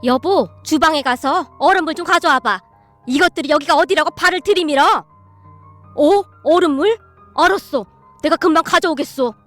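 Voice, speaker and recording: A woman's voice: sits high, moderate pace, fairly bright tone, faint music behind. A woman voicing an easygoing older father-in-law who cannot manage to sound fierce. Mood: mild.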